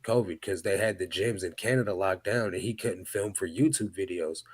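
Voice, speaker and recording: Low-voiced man telling stories in casual chat. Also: moderate pace, slightly rough. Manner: animated storyteller, acts out quotes. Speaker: podcast co-host.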